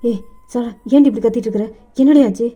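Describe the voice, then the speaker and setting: A flustered young man stammers and stalls, as a woman narrator puts him on. Mellow and warm in tone, heard through a dull lo-fi recording. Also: fairly high pitch, fast talker, slightly rough. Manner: stammering, evasive. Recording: dull lo-fi recording with faint music.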